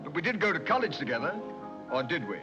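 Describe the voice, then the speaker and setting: A man's voice: fairly high pitch, sing-song, fast talker, muffled recording. An actor playing a jovial, hearty rich man who jokes and stammers in a 1930s film. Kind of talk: 1930s screwball film acting. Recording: old 1930s film soundtrack, music behind.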